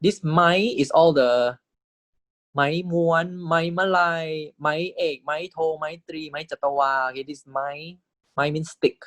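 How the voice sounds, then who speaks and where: A man's voice: on the high side, fairly even intonation, slow pace, fairly bright tone, no room sound. A man teaching Thai vowels and tones in English, who says each word several times and keeps checking with "okay?". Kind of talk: recorded language lecture.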